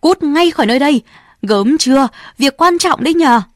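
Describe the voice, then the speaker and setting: A woman voicing a gruff, shouting male factory foreman who barks orders at the girls. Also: fairly high pitch, fast, no echo, studio quality, close to an everyday voice. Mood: angry shouting. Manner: bossy, barking orders.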